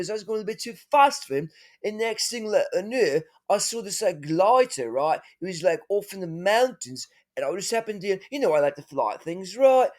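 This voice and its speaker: A man's voice: high-pitched, darkish tone. A man playing a father who rambles through a wild adventure story, full of fillers and tag questions.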